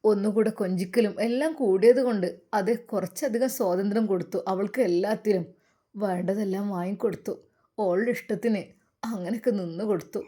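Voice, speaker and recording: A woman's voice: medium pitch, dark tone. A woman narrating a religious story in a dramatic, heartfelt, moralizing manner.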